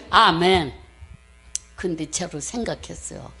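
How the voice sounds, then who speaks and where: A woman missionary preaching a sermon with a personal story, talking in an animated way, acting out the voices she quotes and often clearing her throat. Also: on the low side, slow.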